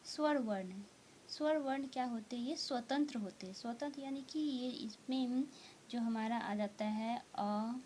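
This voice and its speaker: A woman teaching a grammar lesson to students, explaining slowly and repeating each point with frequent check-ins. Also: mid-range voice, warm tone, a little hiss or hum. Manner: slow, repetitive explaining with frequent "theek hai" check-ins. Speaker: Hindi teacher.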